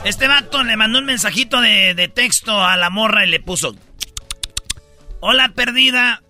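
A man's voice: brisk, soft background music. A man with a Mexican accent hosting a comedy radio show, telling jokes and stories with lots of laughter. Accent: Mexican Spanish. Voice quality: high, bright and excitable, laughs often.

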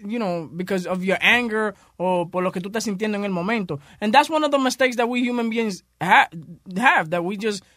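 A man's voice: sits high, moderate pace, few pauses, a bit bright, no room sound, studio quality. A man with a Dominican accent hosting casual talk radio, informal and slangy, slipping between Spanish and English. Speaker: radio show host.

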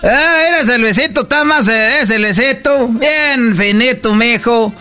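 A man plays a brash, proud old rancher in a Mexican radio comedy bit, who barks his rambling jokes in a very high, bright, sharp voice. He talks brusquely and loves to shout. Light music runs behind him. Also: unhurried, full character voice. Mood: blunt. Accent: Mexican Spanish.

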